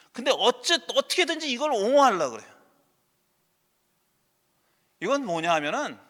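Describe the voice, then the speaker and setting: A middle-aged male pastor preaches in a high, bright, forceful voice. He talks to the congregation in a casual, pointed way, full of rhetorical questions and blunt dismissals. His voice carries a long reverb through the church sanctuary. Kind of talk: sermon.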